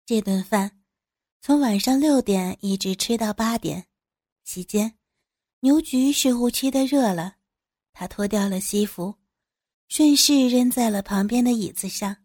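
A woman with a fairly high voice narrates an adult audio drama in the first person. Her character's lines come out bright and teasing, and the recording is dry and close. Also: unhurried, no echo.

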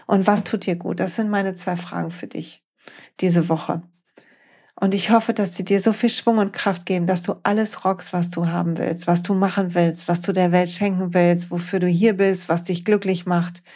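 Encouraging German woman podcast coach. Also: mid-range voice. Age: 40s. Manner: warm, encouraging, speaks directly to listener. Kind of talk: motivational podcast monologue.

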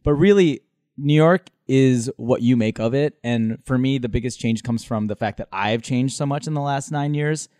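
A man's voice: mid-range voice, normal speed, warm tone, no echo, studio quality. A forty-year-old man from the Philippines and Minnesota, a nightlife performer talking candidly and laughing easily as a guest. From born in the Philippines, raised in Minnesota. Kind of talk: interview conversation.

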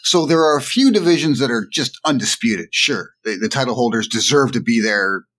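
A middle-aged man lays out his take on sports in a relaxed podcast conversation. His pitch sits in an ordinary middle range but swings widely, and he leans hard on his key points. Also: a little fast. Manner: animated, emphatic, explaining. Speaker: podcast co-host. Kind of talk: casual sports chat.

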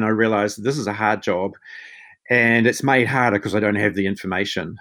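A man with a broad Kiwi (New Zealand) accent answers conversationally as a guest on a podcast, where he appears as a physician and chief medical officer. His voice is mid-range and slightly bright.

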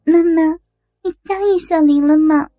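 A woman's voice: extremely high pitch, fairly even intonation, moderate pace, warm tone, faint music behind, voice pushed up. A woman voicing a tearful, pleading teenage daughter who stammers through sobs. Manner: sobbing, stammering.

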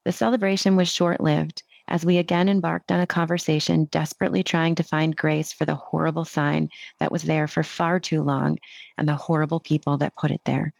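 A woman author reading her own personal essay aloud in a measured, heartfelt way. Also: low-pitched, little pitch movement, vocal fry, a little mellow, no room sound.

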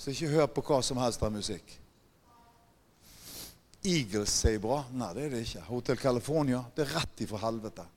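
A man's voice: medium pitch, long pauses, darkish tone. A man preaching a sermon, emphatic and often putting questions to the congregation. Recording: long hall reverb.

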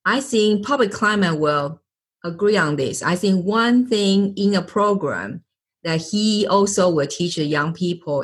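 A woman's voice: on the low side, breathy edge. A middle-aged woman hosting a podcast interview, often searching for words and restarting her sentences. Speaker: podcast host.

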